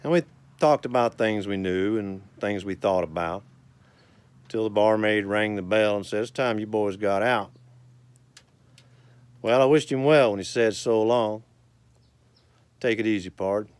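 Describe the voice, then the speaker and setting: Smooth, low-voiced cowboy storyteller man. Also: no echo. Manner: folksy, unhurried storyteller. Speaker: cowboy poet and author. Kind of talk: cowboy poetry recital and casual folksy talk.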